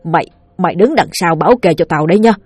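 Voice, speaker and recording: A cowardly, bragging older village man who stammers and begs his way through every line, as a woman storyteller puts him on. The voice is low and husky. The recording is dry and close. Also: lively intonation, fast, darkish tone, dry recording. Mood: nervous. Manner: stammering, pleading, boastful.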